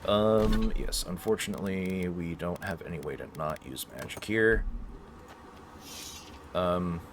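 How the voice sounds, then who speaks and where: This deep-voiced man takes his time while hosting a game playthrough, joking casually and tossing in playful mock-heroic remarks. Video game sounds fill a noisy background.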